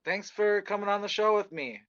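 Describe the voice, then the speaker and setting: A man's voice: high voice, brisk, fairly bright tone, no echo, highs cut off. A man hosting a podcast, asking questions in an upbeat, friendly casual interview. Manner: upbeat, friendly, hype intro. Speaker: podcast host.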